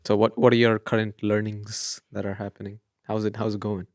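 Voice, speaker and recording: A young man co-hosts a podcast in easygoing chat. His voice sits a little low. He keeps asking questions and laughs easily, recorded dry on a close mic. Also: level tone, fairly quick, a little mellow, dry recording. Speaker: podcast co-host. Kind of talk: casual chat.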